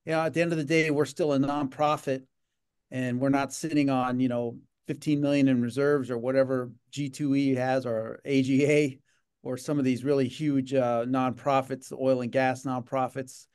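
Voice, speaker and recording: The speaker, a middle-aged leader of a gaming association, is interviewed casually by video call from his home office, with audio from a webcam. He sounds smooth and darkish in a mid-range voice, flat and at normal speed, and he rambles with many fillers and repeated words.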